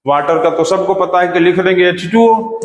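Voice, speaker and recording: A man's voice: high-pitched, moderate pace. A man giving a chemistry lesson in a chatty, repetitive way, coaxing his students along. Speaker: teacher. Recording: echoey room with long reverb.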